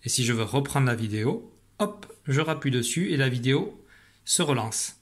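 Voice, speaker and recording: Speaking into a desk computer at home, this male primary school teacher leads a video reading lesson for young children. His mid-range voice stays animated at a moderate pace, patient and encouraging.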